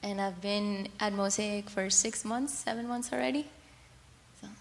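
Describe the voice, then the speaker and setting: A young woman from Colombia chatting onstage about her church, lively and often laughing. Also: mid-range voice, a little slow, gravelly, slight background noise. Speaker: church member guest. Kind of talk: onstage testimony. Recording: echoey hall.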